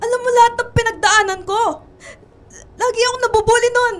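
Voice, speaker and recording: A young woman playing a pleading, insecure, resentful girl in a radio drama, tearful and halting, with a Filipino accent. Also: very high-pitched, steady tone. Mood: hurt, defensive.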